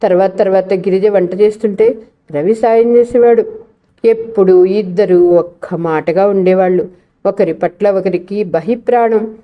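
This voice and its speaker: A woman narrating a novel in a steady, even storytelling voice. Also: mid-range voice, unhurried, dull audio. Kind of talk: novel reading.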